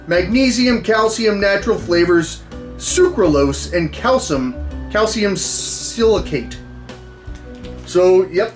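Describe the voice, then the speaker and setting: Male American challenge vlogger, thirties, high voice, halting casual delivery with deadpan swagger, music behind. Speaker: food challenge video host. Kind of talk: casual to-camera challenge talk. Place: small indoor room full of memorabilia.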